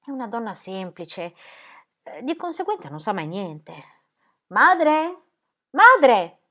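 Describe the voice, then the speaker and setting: A woman voicing a fussy, distracted middle-aged pastor who calls out loudly, in a storybook reading. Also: medium pitch, sing-song, normal speed. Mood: matter-of-fact. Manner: loud, exclaiming calls.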